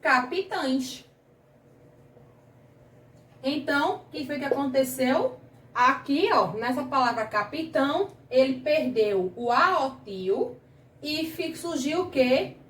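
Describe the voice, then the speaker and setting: With a high, expressive voice, a woman teaches children grammar at a slow pace, pausing often, patiently asking questions and stretching out key words. Her accent is Brazilian Portuguese, and she's recorded from a distance in a reverberant space.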